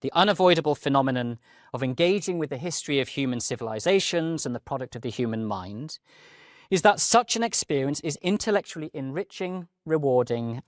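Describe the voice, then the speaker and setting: A man's voice: a little high, a bit bright, no room sound, clean studio sound. A posh man in his late thirties, a donnish, articulate professor delivering a prepared academic lecture with rhetorical flourishes. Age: late 30s. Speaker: university professor giving a lecture.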